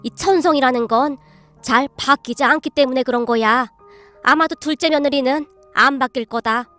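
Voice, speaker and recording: A shrewd, outspoken elderly grandmother, as a woman narrator puts her on, who talks sharply and forcefully. The voice is fairly high. Light music runs underneath. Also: normal speed. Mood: instructive.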